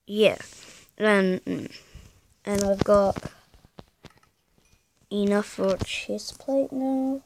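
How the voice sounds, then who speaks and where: A woman's voice: mid-range voice, very slow, long pauses, a little mellow. A young woman casually commentating her gameplay, thinking aloud hesitantly and humming to herself. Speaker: gamer.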